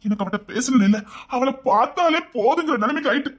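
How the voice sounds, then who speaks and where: A woman with a Tirunelveli Tamil accent, voicing a lovesick male police officer in an animated story who stumbles over his words. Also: sits high, fast. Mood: restless.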